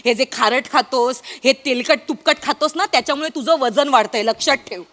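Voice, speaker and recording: Comedy sketch: a teasing wife, very high and bright, coaxing then needling. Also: female voice, fairly quick. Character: teasing wife mocking her husband's weight. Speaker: comedic actor. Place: comedy show stage.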